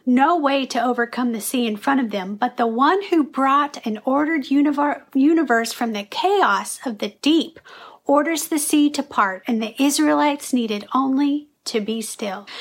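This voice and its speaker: A woman in her thirties from Tennessee hosts a faith vlog, speaking in a somewhat high voice. She keeps an earnest teaching tone with a touch of humor and delivers scripted commentary. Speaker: vlog host.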